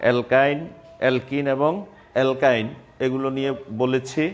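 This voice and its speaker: A man teaching a chemistry class, repeating terms slowly and spelling out formulas step by step. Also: medium pitch, level tone, faint music behind. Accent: Bangladeshi Bengali. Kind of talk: classroom lecture.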